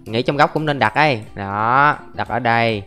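With a smooth, sharp-toned mid-range voice at a moderate pace, a young man casually comments through his gameplay as a YouTuber, describing each move and addressing his viewers over faint background music.

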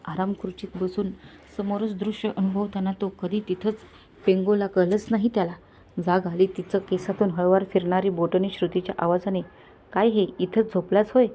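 A woman reads a family story aloud as scripted narration, voicing every character's lines herself in a lightly shifted voice. Her medium-pitched voice is warm but flat in delivery, and she reads fairly quickly. A little hiss or hum is audible.

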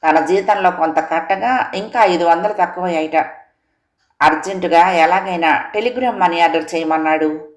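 A woman voicing a married son who speaks in a measured, mildly reproachful way. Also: on the low side, roomy sound, natural voice.

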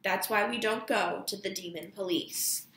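A woman's voice: medium pitch, moderate pace, fairly bright tone, reverberant, natural voice. A woman reading a grim, stern elder man. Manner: grim, curt. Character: stern proud older man, clan elder.

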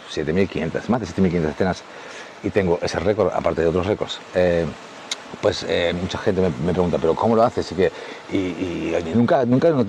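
A man's voice: low voice, darkish tone, slight background noise. A man from Spain, an adult film actor, telling anecdotes casually to the camera, rambling with many restarts and fillers, and acting out quoted lines in a raised voice. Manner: acts out quoted dialogue in a raised voice.

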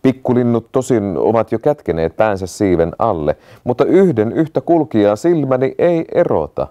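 A man voicing a calm, steady castle watchman in a storybook reading, answering in a measured, unhurried way. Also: mid-range voice, dull audio, lightly acted. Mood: calm report.

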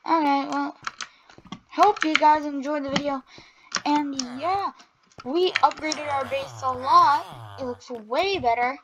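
A woman's voice: high voice, slow pace, long pauses, noisy background. A woman giving rambling, self-interrupting casual commentary over her own gameplay, with keyboard typing behind her. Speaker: gaming video creator.

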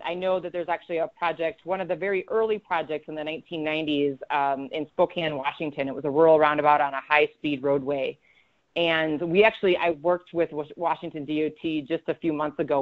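A woman presenting a webinar as a road safety engineer, talking conversationally with frequent ums and self-corrections. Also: low voice. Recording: slightly dull lo-fi audio.

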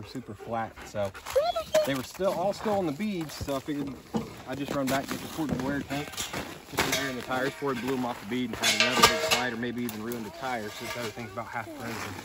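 Man in his thirties, mid-pitched, relaxed vlog narration to a close handheld camera outdoors, loud wind and engine noise behind. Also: fast talker. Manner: relaxed, easygoing, many "uh" fillers. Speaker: vlogger, host. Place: outdoors in snowy winter woods. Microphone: handheld camera close to his face.

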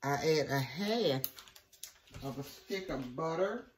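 In a noisy home kitchen, a woman hosts a cooking show, chatting her way through each step in a folksy manner and saying "okay" a lot. Her voice sits low and expressive, and she takes her time. It's a casual cooking demonstration.

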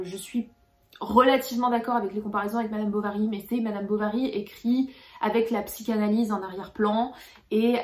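A young woman book vlogger chats casually about books she has read, often hesitating with fillers and restarting sentences. Her medium-pitched voice has a roomy sound.

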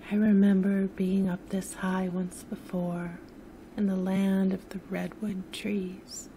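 A woman with a very mellow, dark-toned voice narrates a sleep story. She is soft-spoken and soothing, often drifting near a whisper. Her pace is very slow and unhurried, with faint noise behind her. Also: medium pitch. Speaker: host and narrator of sleep stories.

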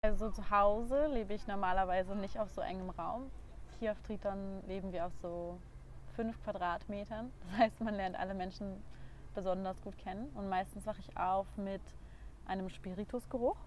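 A woman's voice: medium pitch, steady tone, normal speed, slight background noise. Hesitant young woman talking casually. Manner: hesitant, thoughtful, with many fillers. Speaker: crew member on a sailboat. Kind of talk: casual interview talk.

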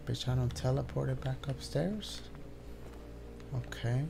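A man's voice: medium pitch, a little slow, creaky, music in the background. A young man doing casual, sweary live commentary as a scared horror game streamer talking to his viewers. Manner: nervous, scared horror gamer, swearing often.

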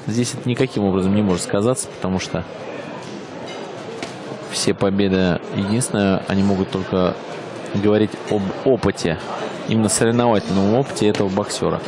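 A man giving live boxing commentary in short, halting bursts of phrases. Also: fairly low pitch, fairly even intonation, background noise.

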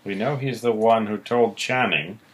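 A man co-hosting a podcast, casually recapping episodes with relaxed pauses. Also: on the low side. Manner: relaxed, recounting plot with pauses. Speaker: podcast co-host.

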